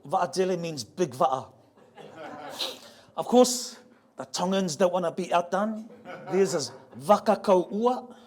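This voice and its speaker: A man's voice: high voice, a little mellow. A man giving a public talk to a live audience, playful and joking, spelling out how words sound and getting the crowd to repeat them. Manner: spells out pronunciation slowly. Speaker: speaker on ocean voyaging heritage. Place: museum talk venue.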